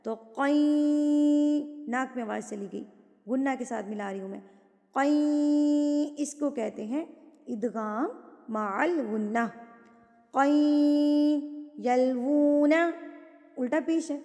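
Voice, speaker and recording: A woman teaching Quran recitation rules, patiently explaining step by step and reciting verses slowly. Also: on the high side, gravelly, a little mellow, long reverb tail, soft background music. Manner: patient, explains step by step and asks and answers her own questions.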